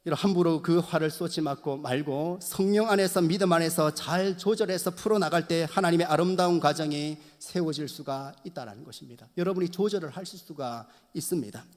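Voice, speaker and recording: Male pastor, fairly high voice, earnest sermon delivery, long reverb of a church hall. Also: brisk, hardly any pauses, a little mellow. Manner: earnest preaching, repeatedly addressing the congregation. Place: church sanctuary.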